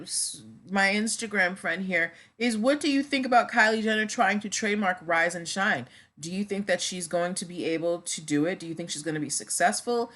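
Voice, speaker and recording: Casting: female livestream host, slightly low voice, conversational with viewers, subdued and a touch sluggish as if recovering after surgery. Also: fairly bright tone. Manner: chatty, addresses viewers directly. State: on painkillers after surgery, a little slowed. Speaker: livestream host discussing trademarks. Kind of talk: casual livestream commentary.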